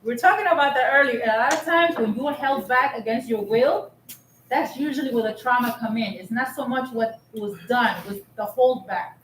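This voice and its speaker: A woman's voice: on the high side, fairly quick, fairly bright tone. A woman counselor leading a group, asking reflective questions and explaining in a guiding way. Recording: echoey room, faint noise.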